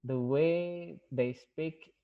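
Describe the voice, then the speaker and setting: In an online class, a male university lecturer with an Indonesian accent reviews the course. His speech is halting, packed with fillers and repeated "yeah," and his voice sits a little high over narrow, tinny audio.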